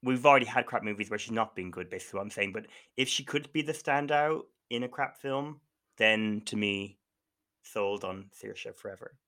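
Bright-voiced, teasing male quizmaster. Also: fairly low pitch, moderate pace. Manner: teasing, animated. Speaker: podcast co-host, quizmaster. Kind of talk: casual chat.

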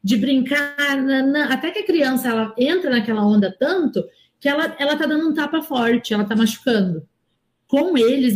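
A woman, a mother of young children, talking calmly and at length about parenting as a guest in a casual conversation. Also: on the high side. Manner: calm, reflective, explains at length.

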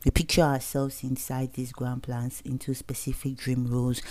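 Mellow-voiced Nigerian woman, earnest talk. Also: very deep voice, level tone, moderate pace, no echo. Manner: earnest, conversational, slipping between Pidgin and English. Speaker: podcast host. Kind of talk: faith-based motivational talk.

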